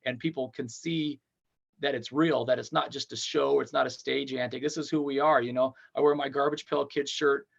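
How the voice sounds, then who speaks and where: Heard through a muffled recording, a man in his forties who fronts a touring band talks as a podcast guest. His medium, steady voice has a creaky edge, and he's cheerful and rambling, speaking rapidly in long runs during this casual interview.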